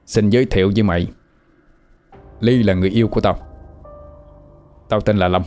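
A man's voice: on the low side, steady tone, a little fast, darkish tone, soft background music, natural voice. A man playing a cruel, mocking swindler in a spoken ghost story. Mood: sneering. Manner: sneering, threatening. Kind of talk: audio drama storytelling.

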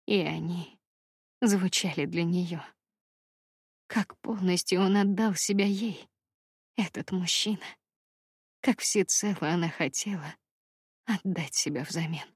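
A woman narrating a romance audiobook in a soft, intimate storytelling manner. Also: fairly low pitch, slow, pauses often, breathy edge, dry recording, studio quality.

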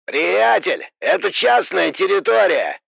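A hoarse, gravelly perimeter guard barks at you over a crackly, muffled radio channel, as a male audiobook narrator puts him on. His voice sits high and swings up and down as he drags out each taunt. It sounds like a police radio call from a storybook world. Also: sing-song, fairly bright tone, no echo, full character voice. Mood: threatening. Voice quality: hoarse, rasping. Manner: slow, taunting, drawn-out delivery. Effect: heard over a two-way radio. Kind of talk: audiobook character voice.

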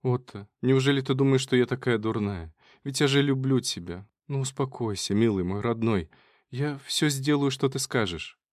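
A pleading, tender young woman, as a man reading the book puts her on, in a gently raised voice. The recording is dry and close, with no room sound at all. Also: mid-range voice, moderate pace, no echo, voice pushed up, lightly acted. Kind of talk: audiobook character reading.

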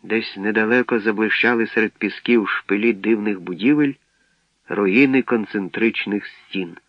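A man narrating a story from a script, with steady storytelling that shifts into acted voices. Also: fairly low pitch, normal speed, no echo. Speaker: audiobook narrator. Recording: dry, dull lo-fi recording.

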